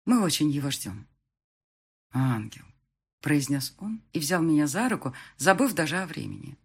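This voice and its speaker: A woman narrating a first-person audiobook in an expressive, animated way. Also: sits low, a little fast, husky.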